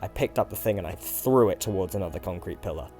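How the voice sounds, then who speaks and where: Man, low voice, dramatic horror storyteller, hushed to shouting, faint music underneath. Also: expressive, fast. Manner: swings from hushed mumbling to loud shouting. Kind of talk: dramatic first-person horror narration.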